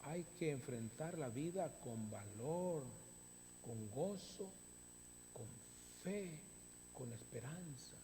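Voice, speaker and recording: A man preaching a sermon as pastor, stressing words with long dramatic pauses, recorded in a church sanctuary. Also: fairly high pitch, expressive. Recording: reverberant hall, faint hum.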